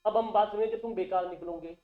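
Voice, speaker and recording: A man's voice: high-pitched, steady tone, quick pace, soft background music. Male teacher, classroom lecture, call-and-response questions, roomy muffled recording. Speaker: accountancy teacher.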